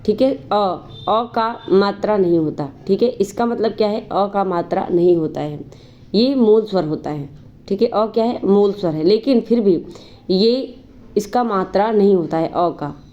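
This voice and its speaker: A woman's voice: mid-range voice, measured pace, dark tone, muffled recording. A woman teaching an exam-prep grammar lesson, explaining patiently, asking herself questions and drawling vowels to show how they stretch. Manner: explanatory, repeats "ठीक है" and asks rhetorical questions; drawls vowels long to demonstrate.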